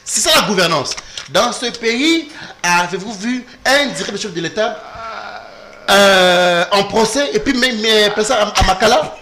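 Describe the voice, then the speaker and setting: A man's voice: sits high, lively intonation, unhurried, pushed and bright, slight background noise. A man on a televised political debate panel, defending his side insistently and talking over the others. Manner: insistent, talks over others, repeats "s'il vous plaît".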